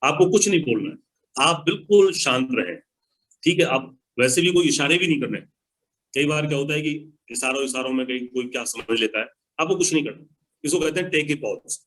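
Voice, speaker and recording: A man's voice: mid-range voice, lively intonation, a little fast, a bit bright, low-quality recording. Emphatic Hindi-speaking motivational speaker, man. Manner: emphatic, repeats key phrases. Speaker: motivational speaker answering questions. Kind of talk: advice talk to an online audience.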